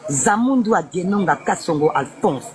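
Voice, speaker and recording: A woman's voice: fairly low pitch, lively intonation, moderate pace, background noise. A woman guest speaking insistently and emotionally in a live interview, mixing French and Lingala. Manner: pleading, insistent, switches between French and Lingala.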